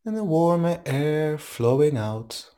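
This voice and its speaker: Male meditation teacher, calm and soothing, very unhurried delivery, leaves space between short instructions. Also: fairly high pitch. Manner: slow, calm, soothing, with long pauses. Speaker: meditation teacher leading a live online session.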